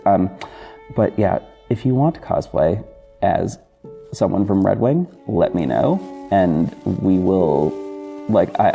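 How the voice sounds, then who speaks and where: A low-pitched, warm male voice plays with its highs cut off and music running in the background. In a casual solo chat, this podcast host and audio drama creator speaks to his listeners effusively and informally.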